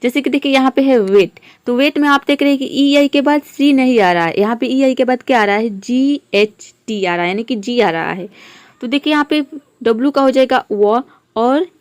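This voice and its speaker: A woman's voice: high voice, expressive, brisk, no room sound. A woman teaching English pronunciation rules, patiently spelling words out letter by letter and giving their meanings. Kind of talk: explaining pronunciation rules step by step.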